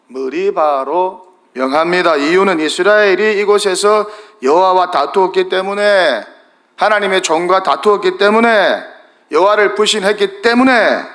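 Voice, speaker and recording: A middle-aged male pastor preaching a sermon, asking the congregation question after question and letting his voice drop low and then rise again. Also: a bit bright. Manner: asks the congregation questions, rises and falls dramatically.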